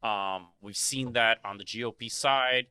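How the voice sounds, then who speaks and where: A man co-hosting a podcast, speaking in a measured way with many pauses and fillers. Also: mid-range voice, sharp tone, smooth, no echo. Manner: measured, many ums and you-knows. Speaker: podcast co-host. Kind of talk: conversational advocacy discussion.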